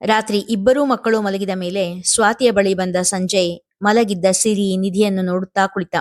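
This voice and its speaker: A woman storyteller reading an emotional family drama in a steady, even narration. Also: medium pitch. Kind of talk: scripted narration.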